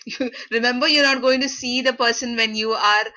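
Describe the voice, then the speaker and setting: A woman runs an interactive online workshop, her tone bright and forceful. She keeps stopping with fillers while she hunts for the right word. The sound comes through a video call. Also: a little high, unhurried. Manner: searching for words, many fillers. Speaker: workshop facilitator. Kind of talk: interactive online class talk.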